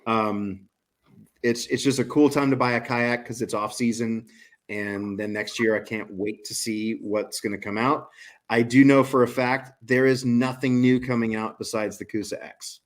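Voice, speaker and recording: A man's voice: mid-range voice, fairly even intonation, moderate pace. A man in his forties, a guest on a casual podcast chat, talking with eager, promotional enthusiasm. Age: 40s.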